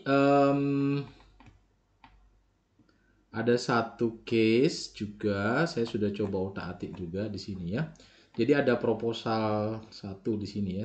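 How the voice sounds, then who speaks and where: A man explains a software tool step by step in a screen-recorded walkthrough, with frequent filler tags and self-corrections. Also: fairly low pitch. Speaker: software tutorial instructor.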